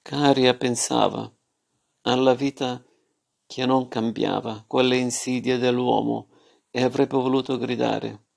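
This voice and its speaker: A man narrating a novel as an audiobook in a measured reading voice. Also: medium pitch, level tone, gravelly, darkish tone. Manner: measured, occasionally stumbling on words.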